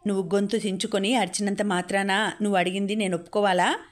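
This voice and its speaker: A woman's voice: mid-range voice, fairly even intonation, quick pace, natural voice. A woman voicing a harsh, domineering older father in a storybook reading, with curt commanding lines. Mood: stern.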